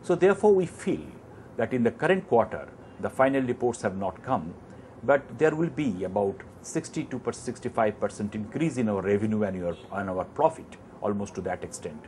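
A man in his fifties with an Indian English accent, a company chairman on a lapel mic in an office, explaining prices in a measured, detailed way with numbers and restarts. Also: lowish voice, animated, a little mellow, slight background noise. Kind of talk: explanatory business interview. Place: office with armchair, indoors.

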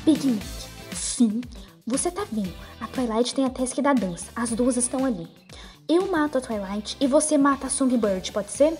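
A woman voicing a bossy, impatient female pony villain in a fan role-play over a game, talking low and hushed. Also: very animated, brisk, few pauses, faint music behind. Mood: scheming.

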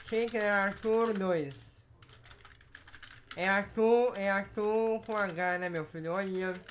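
A woman's voice: medium pitch, slow, a little hiss or hum. A woman with a Brazilian Portuguese accent, streaming a game and bossily scolding the players in a training she runs. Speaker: Roblox streamer running a rank training. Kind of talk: live gameplay commentary.

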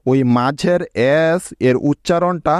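A man gives a slow, patient pronunciation lesson, spelling each example letter by letter and pausing to check understanding. His voice sits a bit high and his delivery is very unhurried. The sound is dry and close, with no room echo. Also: clean tone. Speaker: English pronunciation teacher.

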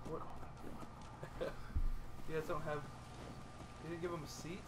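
A man in a casual gaming chat, reacting loudly and laughing at the action. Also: a little high, level tone, unhurried, heavy background noise.

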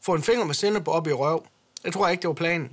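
A man's voice: on the high side, a bit bright. A man telling a crude comic story in a rambling way, full of fillers. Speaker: comedy character explaining.

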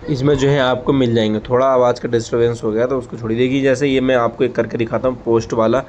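A man's voice: medium pitch, flat delivery, quick pace, a little mellow. A man casually walking viewers step by step through a mobile app, leaning on repeated fillers like "okay" and "here". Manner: repetitive fillers, frequent "ठीक है". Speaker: tech tutorial host. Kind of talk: casual screen-recorded app walkthrough. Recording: slightly dull lo-fi audio with faint noise.

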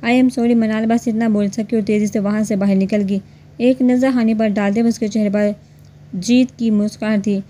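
Woman reading a romance novel in a mellow voice. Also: mid-range voice, fairly even intonation, moderate pace. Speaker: storyteller. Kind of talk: scripted narration of a romance novel.

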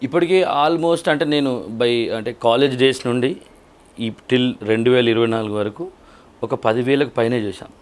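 A man in his thirties with a Telangana accent, talking casually in an interview. He tells his stories in a lively way, in everyday colloquial speech, at a medium pitch. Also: moderate pace. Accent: Telangana Telugu. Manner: lively storytelling with colloquial dialect. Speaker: event organizer and mimicry artist.

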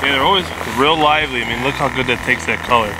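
A man's voice: medium pitch, fast talker, very noisy. A man outdoors on a frozen lake, showing off his dyed minnows to the camera with evident pleasure. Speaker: angler.

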